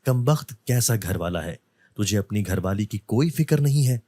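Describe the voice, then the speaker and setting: A man voicing a loud, quarrelsome middle-aged beggar woman who wails and scolds her husband. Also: fairly low pitch, a little slow, no room sound. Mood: scolding. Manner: wailing, scolding.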